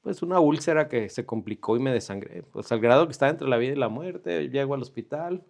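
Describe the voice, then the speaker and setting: Man, mid-pitch, earnest and unhurried, tells his story with pauses, guest on a faith chat. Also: animated, gravelly, darkish tone. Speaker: guest sharing a personal testimony. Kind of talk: conversational storytelling.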